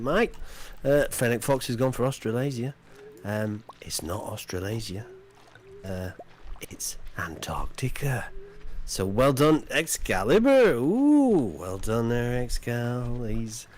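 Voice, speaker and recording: A man hosting a chat quiz on a live game stream, playful and teasing, with jokey asides between questions. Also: medium pitch.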